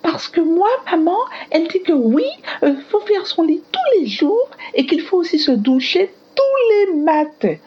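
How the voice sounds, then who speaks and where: A woman playing an eager, earnest little schoolgirl with halting, childlike chatter in a scripted educational radio dialogue. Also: extremely high pitch, sing-song, highs cut off, a little hiss or hum, heavily acted. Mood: chatty, eager. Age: child character in primary school.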